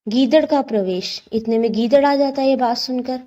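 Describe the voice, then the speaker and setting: A woman's voice: high-pitched, moderate pace, warm tone, muffled recording. Teacher woman explaining a story. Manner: explains hard words with simple synonyms, asks rhetorical questions. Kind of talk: reading and explaining a children's textbook story.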